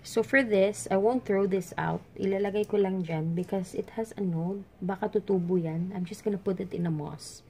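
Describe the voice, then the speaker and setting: With hardly any pauses, a woman from the Philippines speaks at a moderate pace in a medium-pitched, darkish voice, with slight background noise behind her. She's a plant vlogger with a Filipino Visayan accent, chatting and mixing English, Tagalog and Bisaya as she demonstrates plant care by hand at an indoor table of potted plants.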